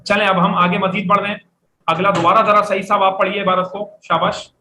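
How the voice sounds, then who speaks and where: A man's voice: sits high, little pitch movement, a little fast, bright, forceful tone. A man teaching Arabic vocabulary in a classroom lecture. He drills words and has his students repeat them after him. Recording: echoey room, faint background noise.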